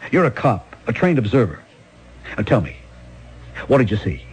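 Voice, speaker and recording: A police lieutenant in an old-time radio mystery. He is blunt and weary, with a medium-pitched voice. He questions people impatiently and keeps probing. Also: sing-song, normal speed, breathy edge, rough recording.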